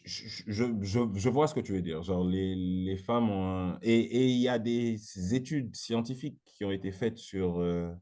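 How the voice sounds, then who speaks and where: Low, mellow-voiced man, hesitant and slangy. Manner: hesitant, many fillers and restarts, slangy. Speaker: host. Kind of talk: casual debate chat.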